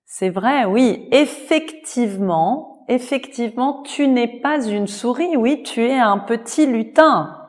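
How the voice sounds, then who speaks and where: A woman voicing a big hungry male troll in a slow, plain storybook voice. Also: on the high side, voice pushed up. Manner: slow, drawn-out, plainly spoken.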